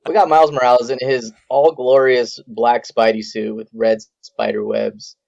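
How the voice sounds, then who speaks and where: A man talking casually on a podcast in a laid-back, joking way. His voice is gravelly, and the audio comes through dull and lo-fi. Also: mid-range voice, flat delivery, normal speed, darkish tone. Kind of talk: casual chat. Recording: dull lo-fi sound.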